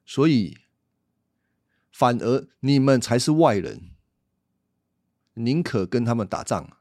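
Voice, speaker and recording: A man teaches the Bible in a relaxed podcast style. He explains step by step and poses rhetorical questions. His mid-pitched voice is recorded dry and close. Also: slow pace, dry recording.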